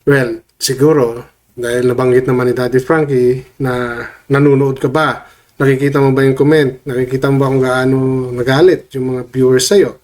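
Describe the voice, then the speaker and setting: A man's voice: medium pitch, flat delivery, normal speed, a little mellow. A man vlogging casual commentary while he has a cold that changes his voice, often checking in with his viewers mid-sentence. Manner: chatty, tags lines with questions to viewers. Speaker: vlogger commenting on online drama.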